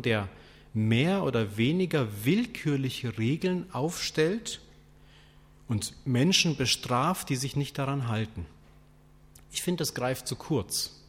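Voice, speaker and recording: A man preaching a sermon, asking rhetorical questions in a deliberate, questioning way. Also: mid-range voice, breathy edge. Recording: long hall reverb.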